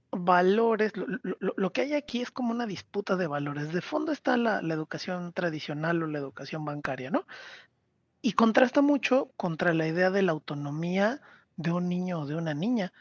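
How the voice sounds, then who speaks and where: A man with a Mexican Spanish accent talking casually on a podcast, retelling scenes with lively acted-out quotes. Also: high-pitched, dry recording, dull audio. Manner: animated storyteller, acts out character quotes. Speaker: podcast co-host.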